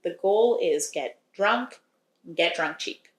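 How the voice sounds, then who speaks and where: A woman co-hosts a podcast and recaps a romance novel in a chatty, wry tone, laughing often. Her voice sits a little low. The room adds a noticeable echo. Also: expressive, takes it slowly. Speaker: podcast co-host recapping a book. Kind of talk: casual chat.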